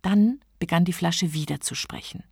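A woman reading a story aloud, narrating evenly and measured. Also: lowish voice, gravelly, a little mellow, husky, no room sound, studio quality.

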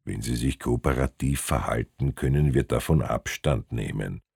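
A man voicing a burly but friendlier ticket inspector who speaks in a calm, low grumble. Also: a little slow, husky, no room sound, studio quality, full character voice. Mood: gruff. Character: burly good-natured male ticket inspector, gruff.

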